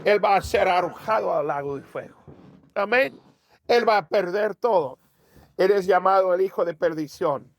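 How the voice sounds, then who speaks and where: Speaking at a normal speed, a male pastor delivers a sermon in a fairly high voice, repeatedly raising rhetorical questions and then supplying the answers. The audio is close and dry, with no room sound at all.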